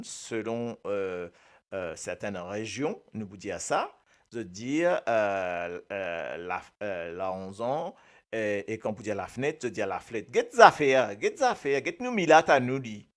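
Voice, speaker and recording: A man's voice: lowish voice, very animated, unhurried. A man with a Mauritian accent, hosting a casual radio talk about Creole words; he hesitates with many filler sounds, laughs often and speaks to listeners by name. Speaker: radio host.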